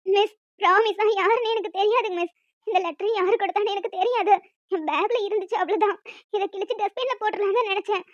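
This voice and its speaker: High-voiced performer as a tearful schoolgirl, tiny high voice, slowish pleas, lo-fi. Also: no room sound. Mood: pleading. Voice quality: soft, tearful. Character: scared schoolgirl, seventh grade. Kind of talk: cartoon voice acting. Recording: dull lo-fi dry recording.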